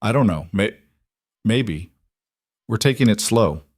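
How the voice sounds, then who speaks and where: A man voicing a cautious, guarded single father who speaks in a halting, reserved way. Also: on the low side, animated, breathy edge, dry recording, studio quality, heavily acted.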